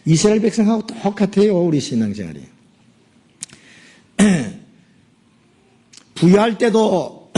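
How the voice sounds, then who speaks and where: Middle-aged male pastor, husky and lively, a sermon full of call-outs to the listeners. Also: medium pitch. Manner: frequent "예?" and "응?" prompts to the listeners; acts out Moses' angry words in a raised voice.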